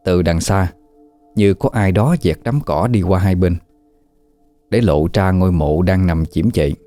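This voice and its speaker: A man narrating a scripted ghost story in a steady way. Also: low voice, a little slow. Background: faint background music.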